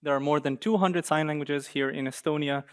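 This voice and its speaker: A young man from Israel giving a conference talk on slides in a university seminar room, lively and joking with the audience now and then. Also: fairly high pitch, a little fast. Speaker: guest speaker.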